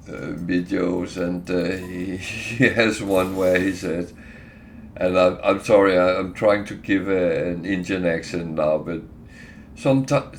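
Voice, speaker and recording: A middle-aged man chatting casually while gaming on a livestream, hesitant with many fillers and restarts. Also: low voice. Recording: clear background noise.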